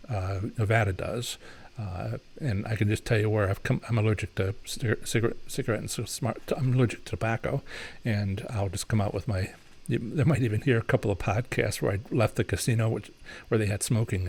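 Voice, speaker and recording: A man with a lowish, slightly mellow voice answers viewer questions during a live Q&A stream, with slight background noise audible. His talk is loose and full of fillers and restarts as he explains and advises.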